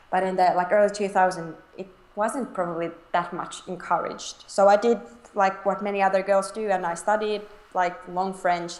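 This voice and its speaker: A woman's voice: on the low side, roomy sound. A young woman from Finland, chatting as an interview guest, laughing often and restarting her sentences. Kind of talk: casual interview chat.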